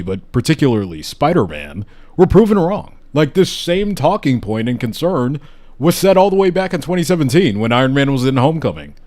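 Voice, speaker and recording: Hiccuping occasionally, the host of a casual live podcast chat speaks in a medium-pitched, slightly mellow voice. His talk is enthusiastic and rambling, full of restarts.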